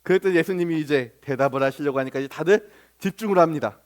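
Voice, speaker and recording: A man's voice: on the high side, fast talker. A male pastor preaching a sermon, retelling scripture as a story full of rhetorical questions to the congregation.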